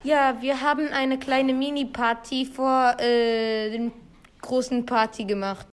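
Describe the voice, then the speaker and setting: A woman's voice: high voice, fairly even intonation, slow pace, clean tone. A woman student answering in a plain, matter-of-fact way. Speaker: student interviewee.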